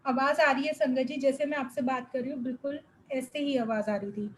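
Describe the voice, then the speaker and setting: A young woman with a high voice tells a spiritual testimony to a gathered congregation. She speaks earnestly and with feeling, slipping English words into her talk. Faint noise sits behind her. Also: steady tone, a little fast, low-quality recording. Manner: earnest, emotional storytelling with English words mixed in. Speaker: devotee sharing a testimony.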